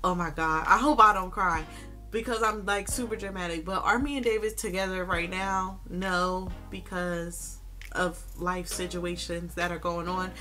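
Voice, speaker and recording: A woman's voice: on the low side, fairly even intonation, normal speed, sharp tone, faint music behind. A young woman giving a casual life update on her vlog, chatty and full of "like"s, tearful at times. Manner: chatty, filler-heavy talk with many "like"s. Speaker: vlogger.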